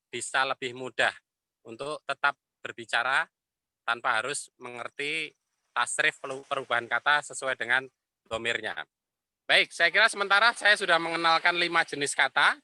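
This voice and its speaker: A man teaching an Arabic class, explaining patiently and repeating phrases slowly. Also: mid-range voice, sharp tone, no echo. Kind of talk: online class lecture.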